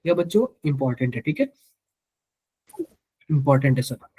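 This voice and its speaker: A man's voice: mid-range voice, animated, normal speed, dark tone, husky. A man with a Hindi accent teaching chemistry to a live class, quizzing students and repeating each answer to drill it in.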